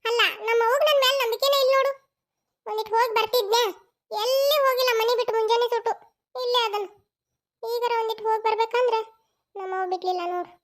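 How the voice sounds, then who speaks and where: A woman's voice: very high voice, steady tone, a bit bright. A woman voicing a chatty, pleading young village daughter in a cartoon, with a North Karnataka Kannada accent. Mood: sulking. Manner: fast, wheedling, argumentative.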